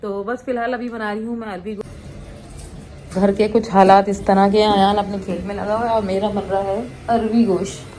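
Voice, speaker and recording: A woman's voice: medium pitch, fairly even intonation, moderate pace, dark tone, slight background noise, poor audio. A woman in her thirties, a mother, chatting casually to the camera about her day. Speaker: vlogger, mother. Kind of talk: casual home vlog chat.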